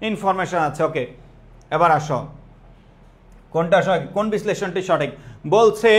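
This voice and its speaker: Guy teaching exam prep online, voice on the high side, keeps repeating terms and quizzing everyone. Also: fairly bright tone.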